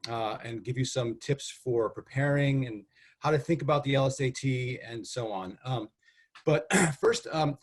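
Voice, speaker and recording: A middle-aged man from Connecticut whose first language was Spanish, presenting a webinar as a guest expert in a friendly, conversational way with many fillers and some throat clearing. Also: medium pitch, a little slow. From Connecticut, US, of Cuban parents. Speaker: test director and guest presenter.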